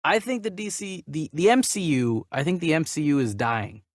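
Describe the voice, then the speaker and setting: Hosting a movie news discussion show, a man with a fairly high, animated voice shares his opinions casually and emphatically at a normal speed. He often repeats phrases as he builds his point, and the studio sound is clean with no room tone.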